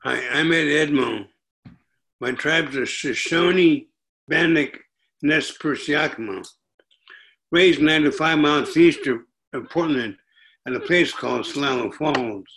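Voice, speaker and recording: Older man reading poetry slowly. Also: fairly high pitch, a bit bright, poor audio. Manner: slow, measured, deliberate reading. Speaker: storyteller and poet.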